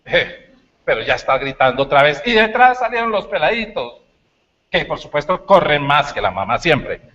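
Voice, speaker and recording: A man giving a university lecture, telling stories with animated, shouted bits. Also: a little high, moderate pace, muffled recording. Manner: animated storytelling, shouts acted lines. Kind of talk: lecture talk.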